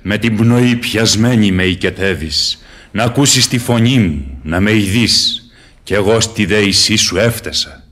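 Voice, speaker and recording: Earth Spirit, low and imperious. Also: male voice, a bit bright. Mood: scornful, commanding. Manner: grand, imperious, solemn declamation. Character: mighty, scornful male spirit of the earth. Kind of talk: mid-century radio theatre, declaimed verse.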